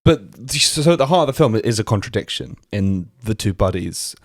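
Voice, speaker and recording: A man co-hosting a podcast, discussing a film in a rambling, halting way with many fillers. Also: on the low side, animated, no echo, clean studio sound. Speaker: podcast co-host.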